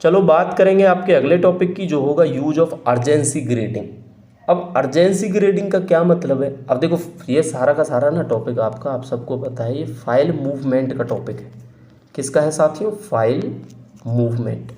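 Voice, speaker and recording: A man's voice: on the high side, moderate pace, mellow, reverberant. A man teaching an online exam-prep lesson, explaining step by step and asking the students questions he then answers himself. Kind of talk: online lecture.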